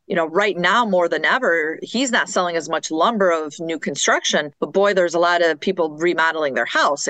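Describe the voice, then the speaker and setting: A woman's voice: on the low side, fairly bright tone, dry recording. A woman hosting a business podcast, chatting casually and chiming in with eager agreement. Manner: enthusiastic, affirming interjections. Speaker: podcast host.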